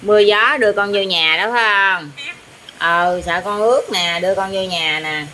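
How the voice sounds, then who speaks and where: A woman's voice: medium pitch, moderate pace, bright, forceful tone, a little hiss or hum. A woman with a Southern Vietnamese accent talking to her pet parrot, teasing it and asking it questions over and over. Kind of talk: casual talk to a pet.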